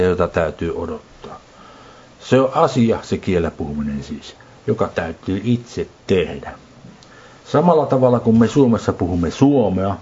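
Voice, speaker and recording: A middle-aged man preaching in a slow, deliberate teaching manner, stacking up lists. His voice sits low and sounds dark and husky. The recording is muffled and lo-fi. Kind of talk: sermon teaching on speaking in tongues.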